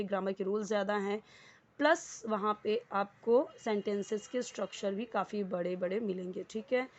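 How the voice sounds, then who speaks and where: A woman's voice: mid-range voice, a little mellow. A woman teaching English word by word, patient and explanatory. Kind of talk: Hindi-medium English lesson.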